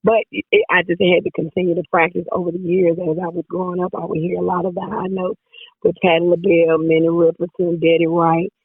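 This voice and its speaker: A woman singer with a hoarse, raspy voice, chatting casually as an interview guest and laughing often. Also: fairly low pitch, flat delivery, brisk, dry recording. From Jackson, Tennessee area, US South. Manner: laughs often, repeats herself. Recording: dry phone-like line.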